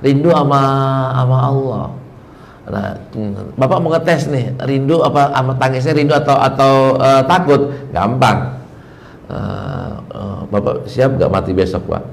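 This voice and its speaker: A man's voice: medium pitch, measured pace, creaky, slight background noise. A man giving a casual religious study sermon, joking and quizzing his audience in a chatty way. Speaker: Islamic preacher.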